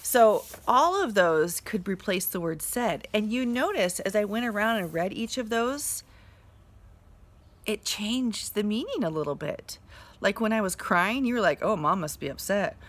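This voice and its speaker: A mother and teacher giving a slow, encouraging grammar lesson to young children, with fillers as she explains. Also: medium pitch, animated.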